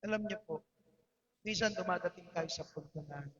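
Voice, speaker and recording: Filipino pastor preaching, husky strained voice, dull echoey church livestream sound. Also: male voice, high-pitched, moderate pace, fairly bright tone. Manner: code-switching preacher, emphatic repetitions, rhetorical questions. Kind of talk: sermon. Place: church hall. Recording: dull livestream audio in a reverberant hall.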